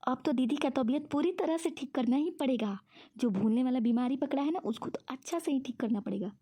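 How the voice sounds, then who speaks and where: A woman's voice: high voice, fairly quick, dark tone. A woman voicing a scheming younger friend who coaxes and tricks in a cartoon. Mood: coaxing. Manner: coaxing, sweetly persuasive. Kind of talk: cartoon voice acting.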